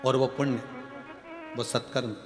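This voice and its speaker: A man preaching a devotional sermon, telling a scripture story with theatrical, animated delivery, over a mic in a large echoing hall with soft music. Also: medium pitch, measured pace. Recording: echoey hall with long reverb, faint music.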